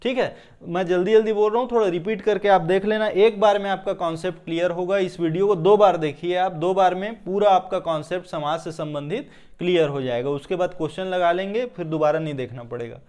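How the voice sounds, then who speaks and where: A man with a high, smooth, resonant voice teaching an exam-prep grammar lesson. He has a Hindi accent from Chhattisgarh. He fires off a question and then answers it himself, again and again. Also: fairly quick, few pauses, darkish tone. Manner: repeats each word with "ठीक है".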